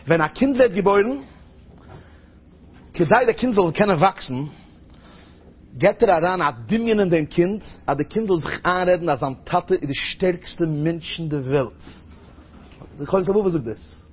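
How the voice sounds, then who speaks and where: Husky guy giving a sermon, lively storyteller, muffled lo-fi sound. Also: a little slow, pauses often. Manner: storytelling, acting out a child's high, crying voice. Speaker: rabbi giving a talk. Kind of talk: Yiddish-flavored sermon. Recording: dull lo-fi recording.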